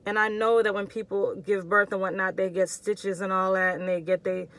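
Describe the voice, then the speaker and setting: A woman vlogger telling a personal story to her viewers in a casual, expressive and slangy way. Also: mid-range voice, moderate pace.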